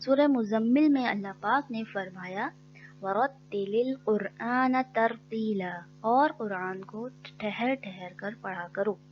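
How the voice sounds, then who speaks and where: A woman teaching Quran recitation, speaking deliberately and drawing out sounds to demonstrate correct pronunciation. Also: mid-range voice, highs cut off, slight background noise. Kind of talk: tajweed lesson.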